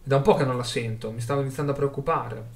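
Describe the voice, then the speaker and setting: Man reading a novel aloud. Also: medium pitch. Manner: expressive storyteller pacing with dramatic pauses. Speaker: streamer reading a fantasy novel. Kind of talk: live reading of a novel with chat greetings.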